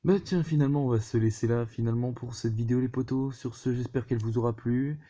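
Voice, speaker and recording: Hesitant man with a very dark voice. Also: mid-range voice, steady tone, fast. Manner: hesitant, many fillers and restarts. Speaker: weather video host. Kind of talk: casual weather vlog. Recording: dull lo-fi recording.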